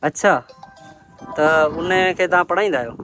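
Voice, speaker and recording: Man interviewing in the fields, voice a bit high. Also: expressive, a little fast, sharp tone, faint music behind. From Sindh, Pakistan. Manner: asks short questions and repeats each answer back. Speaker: village vlogger interviewing workers. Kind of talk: casual interview and talk to camera. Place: outdoors in village farmland.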